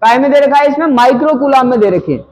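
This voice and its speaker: A man's voice: very high-pitched, fast, low-quality recording. A male physics teacher working through a numerical problem in a conversational way, asking students questions and answering them himself.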